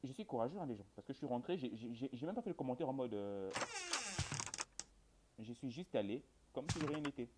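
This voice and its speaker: A man's voice: medium pitch, lively intonation, brisk, heavy background noise. A man giving casual horror game commentary, rambling to his viewers in colloquial speech with dry jokes. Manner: rambling, addresses viewers, colloquial, dryly joking. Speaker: gamer, video host.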